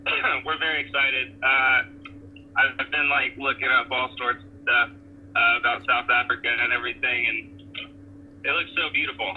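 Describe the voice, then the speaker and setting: A man's voice: mid-range voice, fairly even intonation, moderate pace, slight background noise. Man on a tinny Bluetooth car phone line. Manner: laid-back, many fillers and restarts. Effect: Bluetooth phone call from a car. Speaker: touring band member being interviewed. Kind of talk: casual phone interview. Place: in a car while driving. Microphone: car Bluetooth hands-free.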